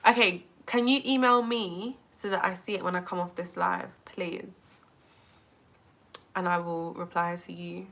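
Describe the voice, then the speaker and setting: Chatty young woman from England, bright voice. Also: fairly low pitch, unhurried, gravelly. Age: 20s. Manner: chatty, says "like" constantly, animated. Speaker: vlogger. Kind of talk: casual live-stream chat.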